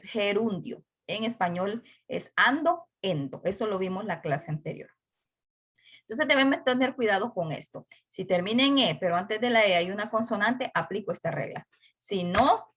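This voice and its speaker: A patient woman teacher walks a class through a grammar rule. She talks slowly, repeats each word and spells out letters one at a time, at an everyday pitch. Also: a bit bright. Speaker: English teacher.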